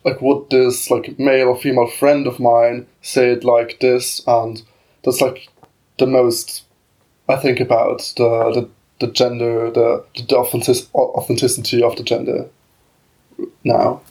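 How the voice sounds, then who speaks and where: A man's voice: mid-range voice, little pitch movement, unhurried, a little mellow, low-quality recording. Hesitant man with many restarts. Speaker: podcast guest. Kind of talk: casual round-table chat.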